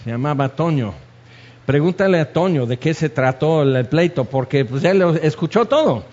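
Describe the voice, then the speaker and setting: A man preaching a sermon, telling stories in an animated way and acting out the scenes. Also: fairly high pitch, moderate pace. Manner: animated storytelling, acts out scenes. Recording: dull lo-fi recording.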